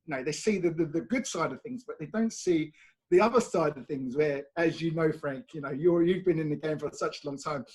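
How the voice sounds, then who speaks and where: A man's voice: on the high side, brisk, a little mellow. A British man from the UK answering interview questions in a casual, chatty way, often dropping in "you know". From United Kingdom. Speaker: brand ambassador interviewed.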